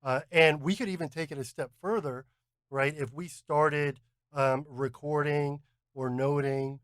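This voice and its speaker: A man co-hosting a podcast, explaining ideas in a measured way with frequent "um" and "uh". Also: on the high side, steady tone, a bit bright, no room sound, studio quality. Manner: measured, with many "um" and "uh" fillers. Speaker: podcast co-host. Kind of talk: casual explanatory chat.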